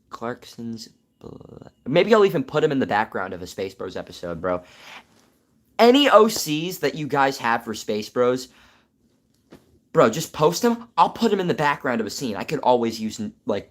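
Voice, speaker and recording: A man chatting on a live stream, excitable and rambling, full of fillers and restarts as he talks about his animated show. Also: mid-range voice. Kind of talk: casual live stream chat.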